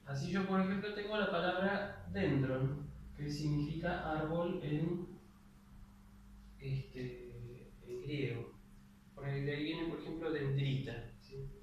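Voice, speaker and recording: A man's voice: a little high, slow pace, dull audio. A young man with an Argentine accent gives a classroom lecture. He explains patiently and keeps checking in with his listeners after each point. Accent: Argentine Spanish. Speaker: teacher. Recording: very echoey room, voice far from the mic, faint noise.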